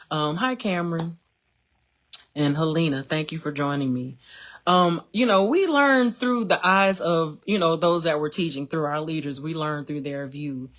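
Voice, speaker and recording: A woman, speaking casually and emotionally with many fillers as she hosts her own live stream. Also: low voice. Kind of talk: personal testimony, casual talk.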